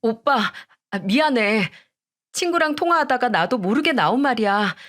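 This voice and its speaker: A woman's voice: on the high side, lively intonation, moderate pace, fairly bright tone. A woman voicing a young fiancée who wheedles and apologizes in a storybook radio tale. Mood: pleading.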